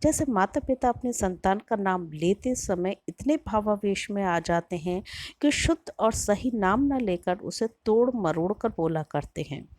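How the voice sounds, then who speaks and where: A woman giving a university lecture in a slow, measured, explanatory way, drawing out her example words. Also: mid-range voice, lively intonation, darkish tone, no room sound. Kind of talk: recorded lecture.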